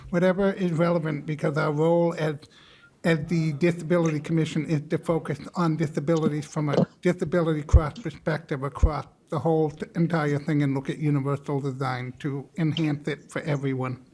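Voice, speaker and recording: A man's voice: fairly high pitch, level tone, brisk, warm tone, poor audio. A man introducing himself informally as a board member at a public meeting, wordy and prone to rephrasing.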